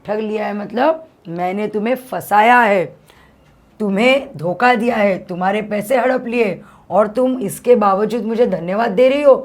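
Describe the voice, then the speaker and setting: A woman teacher explaining a textbook story and its difficult words, clearing her throat often as she goes. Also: mid-range voice, moderate pace.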